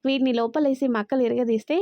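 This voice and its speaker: Brief: woman reading hot-tempered young woman, high, scolding, dry slightly muffled audio. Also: fairly even intonation, fast, no room sound, lightly acted. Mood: angry scolding. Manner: scolding, accusing. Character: angry sharp-tongued young woman. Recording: dry, slightly dull recording.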